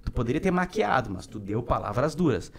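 A man in his forties with a southern Brazilian Portuguese accent, a podcast guest telling stories from his work in a frank, animated way. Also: mid-range voice, fairly quick, vocal fry, no echo. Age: 40s. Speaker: podcast guest, public defender. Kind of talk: casual storytelling.

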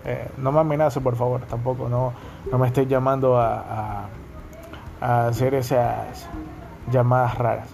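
A man's voice: medium pitch, flat delivery, unhurried, gravelly, background noise. A young man from Guayaquil with a coastal Ecuadorian accent, hosting a casual podcast monologue and checking in with his listeners often. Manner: chatty, repeats ¿me entienden?. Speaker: podcast host.

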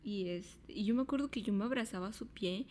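A woman with a Mexican accent who co-hosts a casual chat. She keeps it relaxed and reacts with short fillers. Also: medium pitch, fairly quick. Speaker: co-host.

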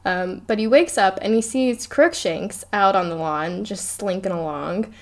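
Animated woman co-hosting a book podcast. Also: mid-range voice, unhurried. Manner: animated, reads passages aloud with laughter. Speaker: podcast co-host. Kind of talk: casual book-club chat.

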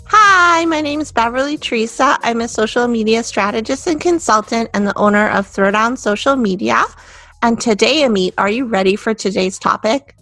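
A woman's voice: fairly high pitch, pushed and bright, no room sound, faint music behind. Woman podcast co-host, chatty, laughs a lot, dry close sound. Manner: giggly, chatty, quick asides. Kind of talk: casual podcast chat.

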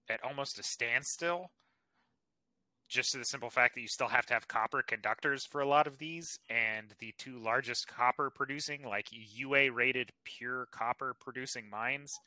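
A man co-hosting a casual podcast with a strikingly bright, forward voice. He explains in a confident, informal way. The sound is dry and close. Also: mid-range voice, measured pace, no room sound, low-quality recording. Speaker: podcast co-host. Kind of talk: casual chat.

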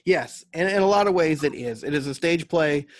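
With a slightly high voice and lively intonation, an American man talks at a moderate pace as an interview guest. A novelist and audio drama writer, he explains his craft conversationally and thinks his points through aloud.

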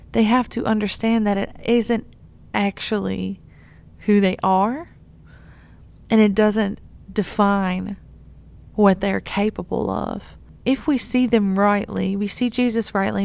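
A woman's voice: medium pitch, creaky, a little mellow, smooth. A young adult woman youth pastor giving an earnest, encouraging devotional talk, laughing at herself now and then.

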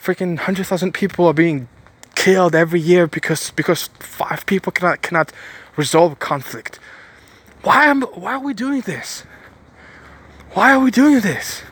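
A man with a somewhat high voice delivers a preachy motivational monologue. He hammers his points home by repeating phrases and keeps restarting sentences as his thoughts run ahead. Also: animated, normal speed, a bit bright, husky. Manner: emphatic, repeats phrases for stress; rambling with frequent restarts.

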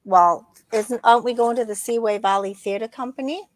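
A woman's voice: a little high, moderate pace, no room sound. Chatty woman, dry close sound. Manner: chatty, runs through event schedules. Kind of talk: casual chat.

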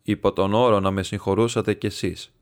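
A man voicing a meek, earnest older monk who speaks gravely and pointedly. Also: on the low side, flat delivery, close to an everyday voice. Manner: grave and piercing.

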